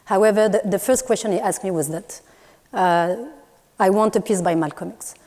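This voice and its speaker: In a lecture hall with long reverb, a Moroccan woman artist, Moroccan Arabic her mother tongue, delivers a reflective public talk for a university event. She pauses frequently, filling gaps and restarting, in a mid-range voice with a dark tone.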